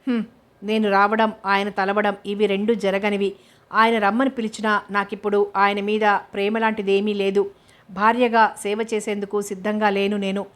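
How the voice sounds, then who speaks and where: A woman's voice: mid-range voice, flat delivery, normal speed, natural voice. A woman reading the lines of a bitter aging mother who resents her estranged husband, in a firm, resentful way.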